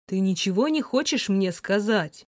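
A woman's voice: mid-range voice, animated, unhurried, dry recording, clean studio sound. Woman voicing a blunt, pushy young man. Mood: pressing. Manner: terse, pressing questions.

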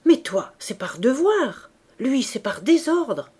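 A woman's voice: sits high, very animated, a little mellow, slightly rough, voice pushed up, exaggerated voice. Woman voicing a fussy old spinster aunt. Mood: curious. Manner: exclaiming, raised and drawn-out.

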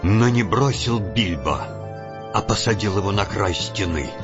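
A man narrating an audiobook in a steady storytelling manner. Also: on the low side, a little slow, lo-fi sound, music in the background. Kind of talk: scripted narration.

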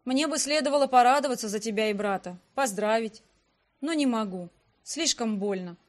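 A woman's voice: a little high, normal speed, natural voice. A woman reading a sad young necromancer. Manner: quiet, sad. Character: sad young male necromancer, gently hurt.

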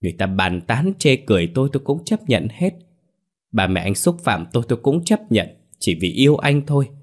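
A man's voice: medium pitch, big pitch swings, fairly quick, voice pushed up. A man voicing a wronged young woman who bitterly reproaches her lover.

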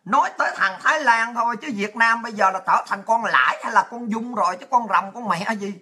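Woman, mocking ranting host, crude and sarcastic, bright edge to the voice. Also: a little high, brisk. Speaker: political commentator. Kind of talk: ranting monologue.

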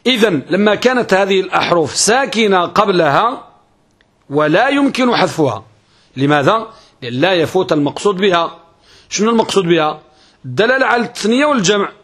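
Man, high voice, scholarly classroom lecture, rhetorical questions, repeats himself. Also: lively intonation, a little fast, fairly bright tone, breathy edge. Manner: poses rhetorical questions and repeats key phrases. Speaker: Islamic scholar teaching Arabic grammar.

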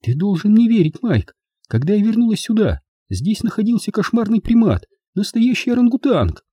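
A man's voice: huge pitch swings, a little fast, dark tone, slightly rough, no room sound, clean studio sound, full character voice. A man voicing a panicky, pleading young woman. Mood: tearful. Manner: high-strung, pleading. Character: frightened tearful young woman. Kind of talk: audiobook character voice.

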